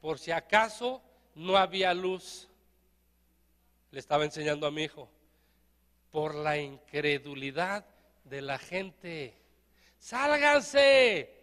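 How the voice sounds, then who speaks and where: A man with a Mexican accent, a pastor giving a lively, joking sermon and having the congregation repeat phrases after him. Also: a little high, takes it slowly, long pauses, long reverb tail. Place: church.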